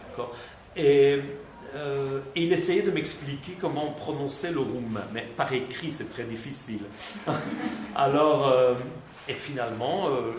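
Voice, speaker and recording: A man from Belgium with a mid-range voice talks casually as a guest answering a high school class's questions. He hesitates a lot, filling gaps and restarting sentences, and the recording has classroom echo and background noise.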